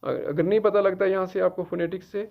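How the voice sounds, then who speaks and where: A man's voice: high voice, steady tone, fast, vocal fry. A middle-aged male teacher from Jammu and Kashmir giving a patient, step-by-step tutorial and checking in with his students after each step. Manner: patient, repetitive, keeps checking with "theek hai". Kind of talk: screen-guided tutorial. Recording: dull lo-fi recording.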